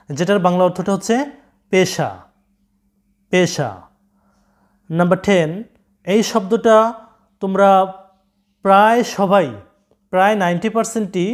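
A man with a Bengali accent gives an online English pronunciation lesson. His voice sits high for a man. He talks straight to his viewers and repeats each word slowly, one at a time. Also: a little mellow.

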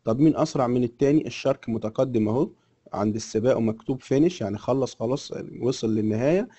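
A man with an Egyptian Arabic accent teaching an English lesson. He reads English sentences slowly and deliberately, then explains them quickly in Arabic. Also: mid-range voice, warm tone, lo-fi sound.

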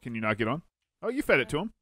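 A young man in casual gaming banter, excitable and teasing, coaching a teammate through the game. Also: medium pitch, racing, no echo. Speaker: gaming video regular.

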